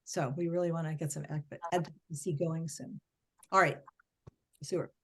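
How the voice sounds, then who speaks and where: Give me an older woman in her sixties hosting a video meeting from her home office. Her voice sits a little low for a woman. She chats along easily, with plenty of um fillers. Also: flat delivery, normal speed, breathy edge. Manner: chatty, with frequent um fillers. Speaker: meeting host. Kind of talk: casual meeting introduction. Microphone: video call.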